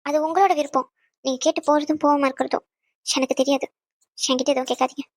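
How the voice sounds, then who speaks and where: A woman's voice: high voice, fairly even intonation, fast talker, dry recording. A woman voicing a proud, resentful young wife in a cartoon, answering in a cold, defiant way. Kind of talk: cartoon voice acting.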